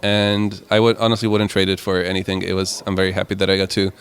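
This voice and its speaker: A young man in his twenties from Croatia, answering interview questions in a relaxed, rambling way. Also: low voice, quick pace, smooth. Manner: relaxed, rambling with many "like" and "kind of" fillers. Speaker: musician guest.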